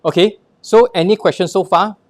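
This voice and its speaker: A man with a high voice and a Singaporean accent runs a live product demo at a moderate pace, his intonation fairly even. He instructs the audience in short, punchy phrases and rhetorical questions, weaving in personal anecdotes. The recording is dry.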